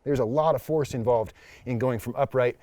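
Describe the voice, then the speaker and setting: A man's voice: medium pitch, fairly quick, mellow, no room sound. A man teaching as an instructor during a hands-on demonstration, explaining things in a plain-spoken way. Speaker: climbing instructor. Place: at a climbing wall or crag, speaking while climbing.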